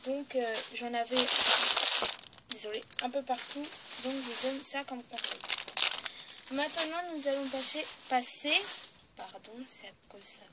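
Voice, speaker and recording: Woman, casual haul video, enthusiastic, chatty, self-correcting, frequent apologies, somewhat high voice, loud rustling packaging nearby. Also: unhurried, very noisy. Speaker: vlogger showing her purchases. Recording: loud crinkling of packaging and clicks close to the mic.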